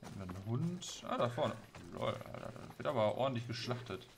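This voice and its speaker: Male let's player, medium pitch, playful self-talk and slang, noticeable game noise behind. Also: very animated, fairly quick. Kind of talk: casual gameplay commentary. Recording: clear background game noise. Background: game ambience.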